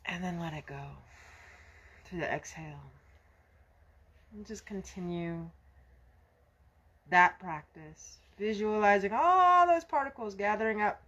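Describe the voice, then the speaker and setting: Female yoga teacher, unhurried, soothing, mid pitch, gentle delivery. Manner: slow, soft, soothing guidance. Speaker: yoga instructor. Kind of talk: guided breathing instruction.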